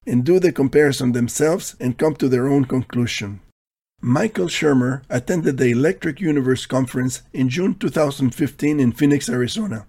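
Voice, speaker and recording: A man's voice: mid-range voice, dark tone. A man reading scripted commentary in a dry, questioning, critical manner.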